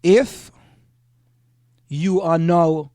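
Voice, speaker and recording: Animated high-voiced male talk host. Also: very slow, no room sound, studio quality. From Trinidad. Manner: animated, playful storyteller who acts out quotes. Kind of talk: casual radio talk. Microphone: studio microphone.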